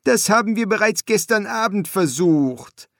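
A man's voice: sits high, animated, measured pace, gravelly, dry recording, clean studio sound, pitched above the performer's own voice, full character voice. A man voicing an earnest young architect's son who explains things in a matter-of-fact way. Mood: patient.

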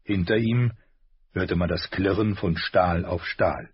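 Slow, husky male audiobook narrator. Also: sits low, dull audio. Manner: unhurried, expressive. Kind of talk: scripted storybook narration.

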